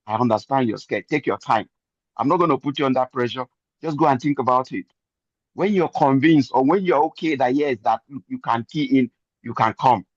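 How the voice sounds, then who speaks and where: An older man gives an earnest, preachy testimony and leans on repeated phrases for emphasis. His voice sits at a middle pitch. The recording is dry, with a slightly muffled, lo-fi tone. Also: dry recording. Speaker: member giving a testimony. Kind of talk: motivational testimony.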